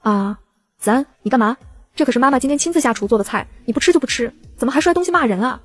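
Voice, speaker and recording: A woman's voice: high voice, expressive, rapid-fire, breathy edge. A woman voicing a cold, vengeful young woman who mocks her rival in an audiobook. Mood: mock-innocent.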